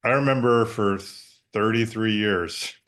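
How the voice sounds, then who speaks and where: Very deep-voiced wry man. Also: takes it slowly, a bit bright. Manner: wry, self-deprecating, laughs easily. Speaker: podcast co-host. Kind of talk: casual chat.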